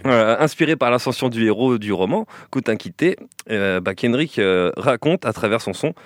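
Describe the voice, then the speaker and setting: A man's voice: mid-range voice, expressive, normal speed, no room sound, clean studio sound. A man co-hosting a radio show, presenting a track's background with many hesitations and fillers. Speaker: radio co-host.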